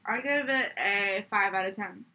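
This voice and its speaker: A woman's voice: mid-range voice, moderate pace, pushed and bright, a little hiss or hum. A young adult woman co-hosting a casual podcast chat, rambling with lots of fillers. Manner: rambling, filler-heavy talk. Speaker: podcast co-host.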